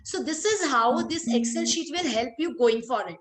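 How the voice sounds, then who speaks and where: High-pitched North Indian woman lecturing, roomy echo. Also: animated, normal speed. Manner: interactive, addresses listeners directly, mixes Hindi into English. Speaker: lecturer, chartered accountant. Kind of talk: webinar lecture to professionals. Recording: roomy echo, clear background noise.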